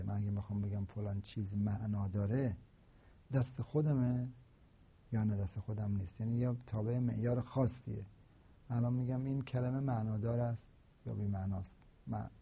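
Husky-voiced man giving a slow lecture. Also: medium pitch. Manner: slow, deliberate explaining with repeated examples. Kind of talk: philosophy lecture. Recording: dull, lo-fi recording.

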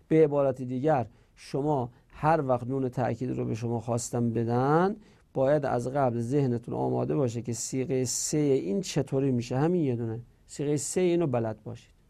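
Male grammar teacher, raised pitch, methodical classroom lecturer who repeats forms and fixes his own slips. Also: gravelly, warm tone. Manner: patient step-by-step drilling, repeats verb forms slowly; corrects himself mid-explanation.

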